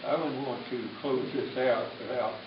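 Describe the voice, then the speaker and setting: At a family reunion, a man in his eighties gives an informal speech full of rambling, folksy, jokey family stories, speaking at normal speed in a steady, medium-pitched voice. The audio is muffled and distant, in an echoey room with crowd noise.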